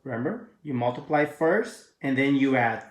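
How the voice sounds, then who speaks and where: A man teaching a recorded math lesson, walking students through each step with quick questions and answers, calling them guys. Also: medium pitch, lively intonation. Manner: casual, addresses viewers as guys. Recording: echoey room.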